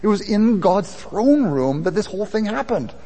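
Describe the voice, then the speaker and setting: A male pastor preaching a sermon to his congregation in a church hall, building from quiet, low passages to loud, impassioned ones. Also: sing-song, moderate pace. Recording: long reverb of a hall.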